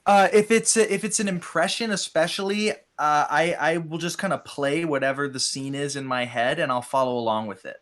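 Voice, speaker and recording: A man talking casually as a podcast guest, upbeat and animated, a voice impressionist. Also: fairly high pitch, brisk, few pauses.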